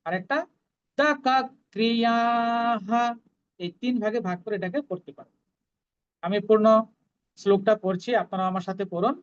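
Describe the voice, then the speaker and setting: A woman teaching Sanskrit verse recitation, chanting each line slowly and then explaining the pronunciation in quick, plain speech. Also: medium pitch, highs cut off. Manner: slow drawn-out chanting alternating with quick explanations.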